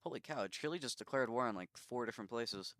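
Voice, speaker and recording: A man's voice: mid-range voice, expressive, quick pace, a bit bright, no echo. A man giving casual commentary on a strategy game simulation, musing and thinking aloud with easy asides.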